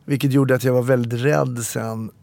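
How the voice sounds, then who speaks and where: Gravelly-voiced man. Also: medium pitch, fairly even intonation, a little mellow, dry recording. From Stockholm, Sweden. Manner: reflective storyteller, frequent hesitations. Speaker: guest, former police officer. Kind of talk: candid interview conversation.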